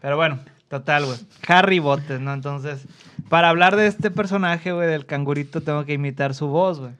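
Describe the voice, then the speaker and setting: A man's voice: on the high side, a little fast, a bit bright. Slangy Mexican man telling a story. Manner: slangy, says "güey" constantly. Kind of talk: casual storytelling chat.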